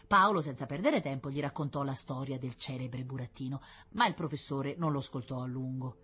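A woman reading a children's story aloud as narrator, steady and storytelling. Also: very deep voice, a little fast. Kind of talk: audiobook narration.

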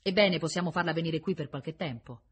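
Woman doing a brisk prison official guy, curt orders, low husky voice. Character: brisk male prison deputy director, curious official.

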